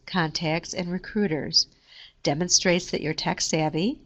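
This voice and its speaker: A woman reading a scripted careers lesson in a steady, measured way. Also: lowish voice. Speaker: career services presenter. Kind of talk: scripted instructional narration.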